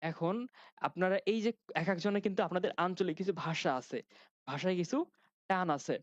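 A man's voice: high-pitched, normal speed, no echo. A young man from Bangladesh with a Khulna Bangla accent, giving a casual grammar lecture and often asking his students questions. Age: young adult. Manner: chatty, asks students questions, restarts sentences. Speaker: grammar instructor. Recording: dry, dull lo-fi sound.

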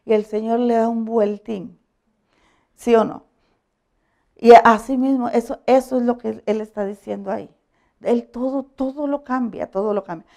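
Woman pastor preaching, kinda high gravelly voice, chatty storytelling, keeps asking ok?. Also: normal speed. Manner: animated storytelling, asks the audience for agreement; laughs often while preaching. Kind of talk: conversational sermon.

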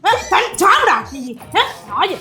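An exasperated, scolding mother, as a woman plays her in a comedy sketch, shouting and wailing at her son. Her voice is very high and shrill. Music plays clearly behind her. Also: big pitch swings, takes it slowly, full character voice. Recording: background music.

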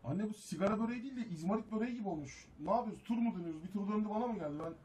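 A man's voice: sits high, very fast, dark tone, far from the mic. A man performing a casual comic skit. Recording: roomy, faintly noisy phone clip.

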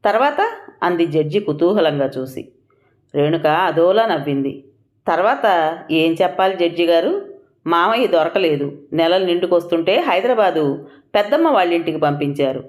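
A woman narrating an audio story in an expressive, measured way. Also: lowish voice.

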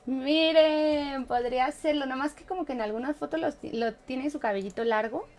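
A high-pitched Mexican woman chats playfully with her live-stream viewers, laughing often and humming little tunes between remarks. She has a light, bouncy way of talking. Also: normal speed, darkish tone. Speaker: game streamer.

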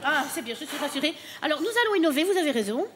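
A woman's voice: high-pitched, animated, rapid-fire, a bit bright, slight background noise. A woman playing a tired, flustered female opera diva who stammers and breaks into song in a stage sketch.

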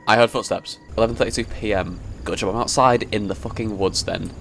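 A man's voice: on the low side, steady tone, a little fast, creaky, a bit bright, a little hiss or hum. A young man playing a horror game, swearing, jumping at scares and reading the game's text aloud. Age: young adult. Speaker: gaming YouTuber. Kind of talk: horror game let's play commentary.

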